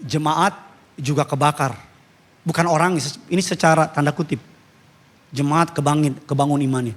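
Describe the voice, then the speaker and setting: A man preaching a sermon as pastor, swinging from low murmurs to loud calls and asking the congregation to respond. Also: fairly even intonation, moderate pace. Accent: Indonesian. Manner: asks congregation to respond and turn to neighbours.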